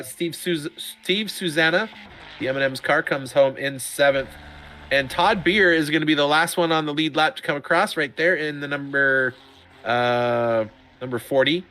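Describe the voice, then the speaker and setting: Middle-aged guy calling a sim race, chatty and excitable, bright forceful voice, a bit high. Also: moderate pace. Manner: excitable, chatty, laughs often. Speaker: race commentator. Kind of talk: sim racing commentary.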